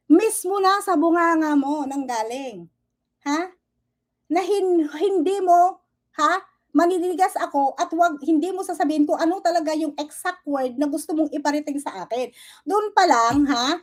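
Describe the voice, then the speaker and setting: Woman vlogger, high voice, confrontational rant, mixes Tagalog and English, keeps demanding "okay?". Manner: switches between Tagalog and English. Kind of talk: angry reaction rant.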